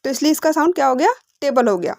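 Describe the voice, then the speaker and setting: A woman teaching English phonics, explaining patiently, repeating words slowly and asking rhetorical questions. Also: sits high, expressive, vocal fry, a little mellow, dry recording. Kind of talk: explanatory lesson.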